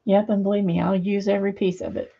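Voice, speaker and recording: A middle-aged woman hosts a craft video from her home studio, chatting casually and rambling with many fillers while she sews, her hands a little weak and fumbling. Her mid-range voice is level, fast and creaky, and the recording sounds muffled.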